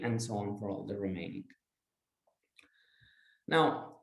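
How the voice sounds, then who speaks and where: A young man with an Italian accent presenting his PhD research over slides, explaining carefully with many "uh" pauses. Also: medium pitch, darkish tone, echoey room. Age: young adult.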